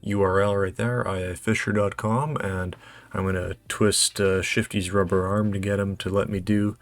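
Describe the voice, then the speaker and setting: A man with a deep voice and a North American accent thinks aloud while playing a geography quiz as the host. He muses hesitantly and mutters to himself in casual commentary, his tone level and pace moderate, with no echo in the recording.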